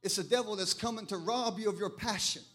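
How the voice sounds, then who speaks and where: High-voiced preacher in full fervor. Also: male voice, fast, fairly bright tone. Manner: preaching in rising waves, chanting when fervent. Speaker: pastor. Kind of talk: sermon. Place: church sanctuary.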